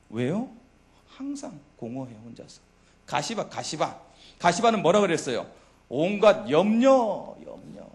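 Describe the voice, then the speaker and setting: A middle-aged man preaching a youth worship sermon, who keeps asking the congregation questions and answering them himself. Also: sits high. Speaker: pastor.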